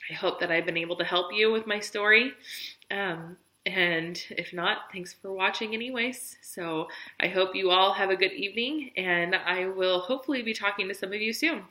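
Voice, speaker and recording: A woman in her thirties tells her personal story in a vlog about her weight-loss business, earnest and encouraging but tired and close to tears at times. Her medium-pitched voice is bright and forceful at a normal pace. The audio is poor and sounds roomy.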